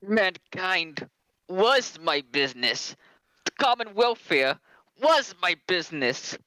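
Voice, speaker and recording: A man voicing the mournful ghost of a dead old miser, speaking slowly and gravely in an amateur dramatic reading. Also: high-pitched, very animated, sharp tone, no echo, full character voice, low-quality recording. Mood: lamenting. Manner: slow, grave, lamenting delivery.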